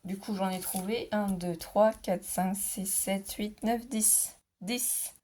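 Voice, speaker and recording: A woman's voice: mid-range voice, steady tone, slow pace, warm tone, a little hiss or hum. Middle-aged lady doing a craft haul, chatty and a bit hesitant, ums a lot, medium voice. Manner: chatty, hesitant, with many fillers. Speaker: scrapbooking vlogger. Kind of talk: casual product haul.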